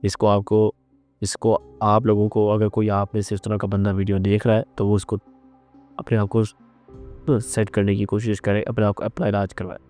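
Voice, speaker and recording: A man giving unscripted, earnest analytical commentary on current events, pausing and restarting as he thinks. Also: lowish voice, monotone, a little mellow, faint music behind. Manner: earnest, measured, with frequent restarts and fillers.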